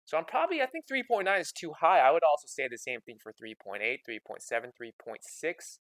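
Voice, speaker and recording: Bright, dry-voiced man teaching math. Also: on the high side, lively intonation, quick pace, no room sound. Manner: repeats "okay?" constantly, chatty and informal. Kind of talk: casual explanatory lesson.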